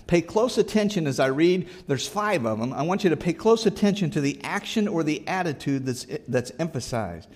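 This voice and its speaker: A man's voice: a little high, a little mellow. A male pastor preaching a sermon, earnest and emphatic, repeating his exhortations.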